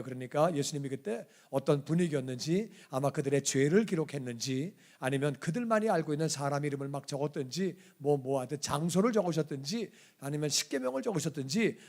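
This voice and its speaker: A male pastor giving a sermon, telling the story with animated delivery, acting out the voices in it and putting questions to the congregation. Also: fairly high pitch.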